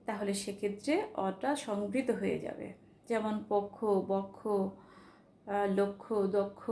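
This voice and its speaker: A woman teacher giving a pronunciation lesson, patiently repeating each example word slowly. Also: a little high, dark tone. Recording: echoey room with faint ambient noise.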